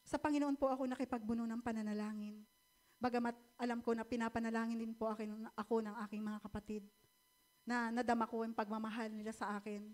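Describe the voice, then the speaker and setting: A woman's voice: fairly high pitch, flat delivery, quick pace, darkish tone. A middle-aged woman telling her personal faith testimony to a church, in a polite, heartfelt storytelling way. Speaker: church member giving testimony.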